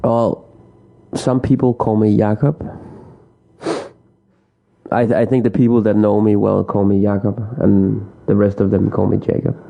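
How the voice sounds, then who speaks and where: A man's voice: lowish voice, flat delivery, normal speed, gravelly, long pauses, narrow, tinny audio. A man from Denmark with a Danish accent, chatting casually as an interview guest, hesitant with many restarts. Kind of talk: casual chat.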